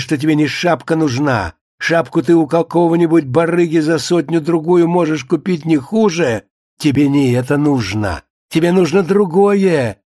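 A man's voice: fairly high pitch, a little mellow, dry recording, studio quality. Man voicing a blustering Soviet bigwig. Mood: furious. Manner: scornful, hectoring tirade. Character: pompous older male Soviet official, boozy, blustering.

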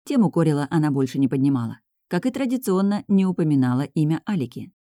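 A woman reading a first-person audiobook in a lively, sardonic storytelling manner, close to the mic. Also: low-pitched, fast, no echo. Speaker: audiobook reader.

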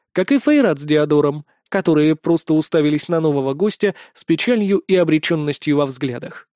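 A man narrating a first-person fantasy audiobook with a wry, sardonic edge. His voice is pitched fairly high for a man. The recording is dry and close, with no room sound. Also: mellow, dry recording.

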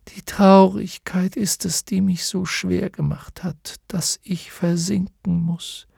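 A man reading an audiobook and voicing a weary, despairing talking horse that speaks haltingly and often in a whisper. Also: high voice, flat delivery, creaky, a little mellow, husky, no echo, studio quality, voice pushed up, full character voice. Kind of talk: audiobook character voice.

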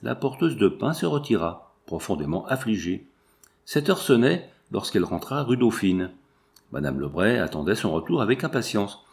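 A man reading a classic novel aloud as a narrator, steady and measured. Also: lowish voice, creaky. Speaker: audiobook reader.

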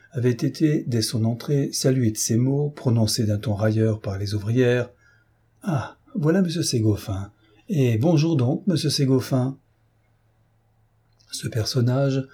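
A man narrates a classic novel in a measured, even storytelling voice. His tone is dark and mellow with a husky edge. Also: mid-range voice. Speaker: audiobook reader. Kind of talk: reading a classic novel aloud.

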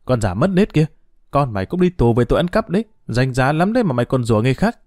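A man's voice: big pitch swings, quick pace, darkish tone, no echo, clean studio sound, close to an everyday voice. A man voicing a bitter old mother-in-law in an audio story, cursing and wailing in a raised voice. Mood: furious. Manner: shrill, abusive scolding.

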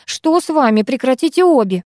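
A woman's voice: sits high, brisk, no echo, clean studio sound. A woman reading an audiobook aloud, voicing a worried mother who coaxes her teenage daughters. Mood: pleading. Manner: calm, coaxing, then pleading.

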